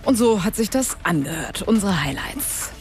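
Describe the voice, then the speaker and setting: A woman's voice: medium pitch, very animated, moderate pace. A woman presenting news in a conversational, scripted style, linking reports as the moderator. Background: music bed.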